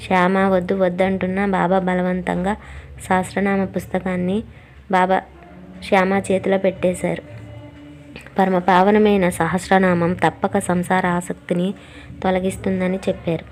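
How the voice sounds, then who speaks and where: A woman narrating a devotional story in a calm, steady reading manner. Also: on the low side, a little slow, a little hiss or hum.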